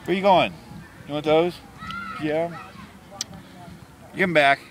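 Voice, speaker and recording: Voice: mid-range voice, slow. A parrot owner talking playfully to a pet and casually instructing visitors, coaxing with short repeated commands. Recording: clearly noisy amateur recording.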